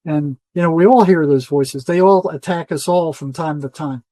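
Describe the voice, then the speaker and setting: A retired psychotherapist, an older man appearing as an interview guest, speaks insistently and emphatically in a conversational monologue, repeating phrases for stress. His voice is a little high and warm, at normal speed, with no echo.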